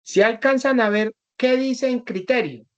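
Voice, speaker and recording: Un hombre con acento colombiano que da una clase en línea y explica con paciencia, imitando a sus alumnos en anécdotas. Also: male voice, very high-pitched, a little slow, highs cut off. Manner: patient, acts out students in anecdotes. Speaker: teacher. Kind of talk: online class, explaining to students.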